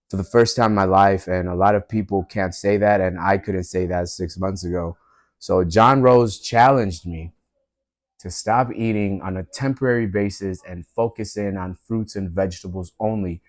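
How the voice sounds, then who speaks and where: A man with a deep, low voice talks through his personal story for a vlog. He rambles in a loose, reflective way and leans on fillers, with an earnest, spiritual tone. The sound is dry and close, with no room echo. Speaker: vlogger.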